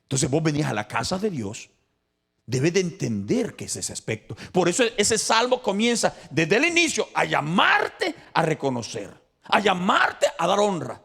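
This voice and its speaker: A middle-aged male pastor preaching a sermon in church. He moves from calm storytelling to fervent, emphatic calls. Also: a little high, moderate pace, creaky, slightly rough.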